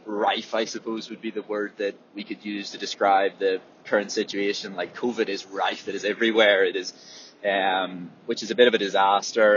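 A man with a husky, swollen-sounding sore throat, talking in a rambling, reflective, hesitant way on a casual solo podcast. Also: on the low side, a bit bright, lo-fi sound. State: sore, swollen throat, often needing clearing. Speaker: podcast host and athlete.

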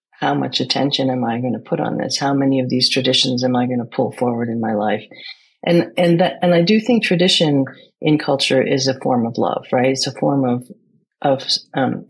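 Brief: American woman guest, husky and breathy, reflective, pauses to find words. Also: a bass voice, low-quality recording. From United States. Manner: thoughtful, searching for words, many restarts. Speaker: guest, poet and playwright. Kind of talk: reflective conversation.

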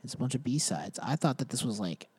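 A man's voice: mid-range voice, lively intonation, fairly quick, slightly rough, no echo. A young man hosting a podcast, chatting casually about bands in a rambling way with lots of fillers. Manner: rambling, filler-heavy, laughs at himself. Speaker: podcast host. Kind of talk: casual music chat.

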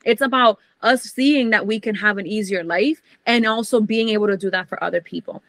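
A woman guest on a podcast talking in a casual, animated and blunt way, swearing freely. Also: medium pitch, fairly quick, dry recording.

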